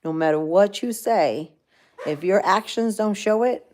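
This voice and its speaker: On a laid-back livestream, a Florida-raised woman with a Cuban accent reads out viewer comments and rambles on, addressing her audience directly with plenty of filler words. Her voice sits at a medium pitch, a bit mellow, with a measured pace.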